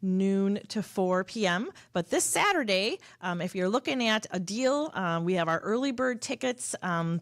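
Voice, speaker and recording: A woman guest in a radio studio rattles off upcoming events at speed. She fills the gaps with frequent "um"s. Her voice sits at a middle pitch. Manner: fast rundown full of "um" fillers. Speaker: tourism guest. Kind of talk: radio interview.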